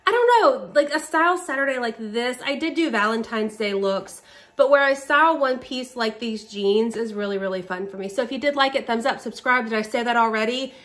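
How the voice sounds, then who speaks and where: A woman's voice: a little high, animated, brisk, a bit bright, roomy sound, distant mic. A woman talking casually and upbeat to camera in a style vlog, filmed on a tripod at home. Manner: chatty and upbeat, with frequent "like" fillers. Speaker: fashion vlogger. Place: room at home, filming on a tripod. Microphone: camera on a tripod some distance away.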